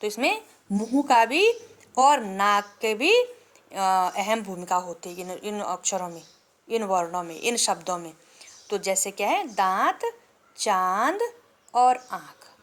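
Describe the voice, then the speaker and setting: A woman teacher giving a grammar lesson to schoolchildren. She explains patiently and poses questions that she answers herself. She stretches out vowel sounds slowly as examples. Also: mid-range voice, animated. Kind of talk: classroom lesson to children.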